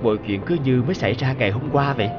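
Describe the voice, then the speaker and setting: Against background music, a man voices a cartoon character: a wounded, brooding young man, now a successful ex-boyfriend, recalling his past in a heartfelt, emotional, wistful way. His natural, medium-pitched voice races along, and the sound is lo-fi.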